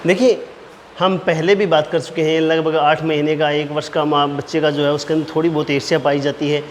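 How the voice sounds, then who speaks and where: A man teaching an exam-prep lecture, explaining point by point and slowly dictating key phrases, repeating them. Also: fairly high pitch, flat delivery. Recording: reverberant room with faint noise.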